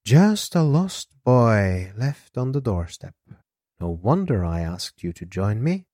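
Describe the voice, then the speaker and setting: A man voicing a gentle, wistful young woman with a soft, probing way of speaking. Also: fairly low pitch, very animated, slow pace, no room sound, studio quality, heavily acted. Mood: teasing, gentle. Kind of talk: audiobook character voice.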